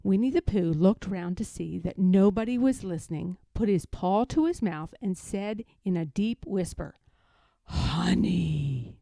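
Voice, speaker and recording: A woman narrating a children's story aloud as an expressive storyteller. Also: mid-range voice, moderate pace, gravelly, hardly any pauses, dry recording.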